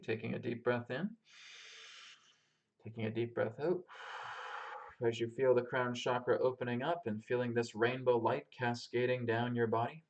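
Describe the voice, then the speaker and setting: A man calmly leading a guided grounding meditation as a spiritual teacher, giving step-by-step instructions to listeners. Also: mid-range voice, highs cut off. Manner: calm, instructing listeners step by step through breathing. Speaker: spiritual teacher and healer leading a live session.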